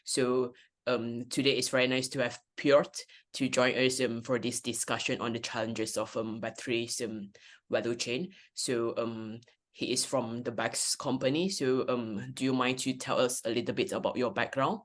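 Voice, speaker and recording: A man hosting an interview over a video call, asking questions in halting phrasing full of fillers. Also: mid-range voice, fairly even intonation. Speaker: host.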